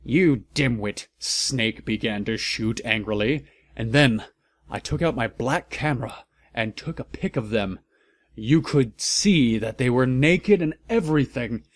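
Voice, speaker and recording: A male host reads fan fiction aloud as a theatrical comedy bit, throwing in mocking asides and deliberately reproducing the misspellings. His mid-range voice is expressive throughout.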